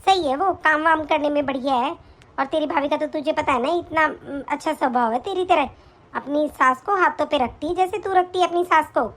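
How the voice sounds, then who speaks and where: A woman voicing a doting middle-aged mother in an animated story, speaking in a soothing, indulgent way. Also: high-pitched, a little fast.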